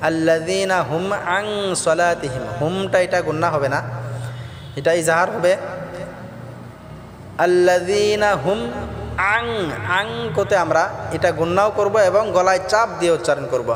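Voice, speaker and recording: High-voiced man teaching chanted recitation. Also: crowd noise. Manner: alternates slow melodic chanting with brisk spoken explanation. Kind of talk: Quran recitation lesson with chanted verses. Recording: echoey reverberant room with background music.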